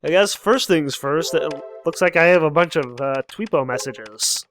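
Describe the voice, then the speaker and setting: A man's voice: a little high, lively intonation, normal speed, a bit bright, slight background noise. A young man casually commenting on a game as he plays, musing aloud, reading lines of dialogue and chuckling often. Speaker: let's play host.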